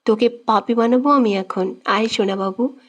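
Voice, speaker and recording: A woman's voice: on the high side, moderate pace, natural voice. A woman voicing a young man who snaps back in annoyance, with gritted-teeth retorts, in a romantic audio story. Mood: annoyed. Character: irritable young man, quick to anger.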